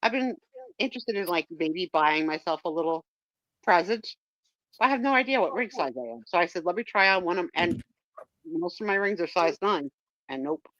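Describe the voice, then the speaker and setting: A woman's voice: lowish voice, lively intonation, normal speed, a bit bright, dry recording, muffled recording. A woman chatting casually on a live stream, telling a rambling personal story.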